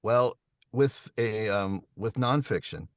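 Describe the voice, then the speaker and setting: A man who narrates audiobooks, with a very low voice, talking over a video call. He explains his process in a measured way and pauses for ums. The sound is close and dry. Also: animated, no room sound. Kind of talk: answering questions on a video call.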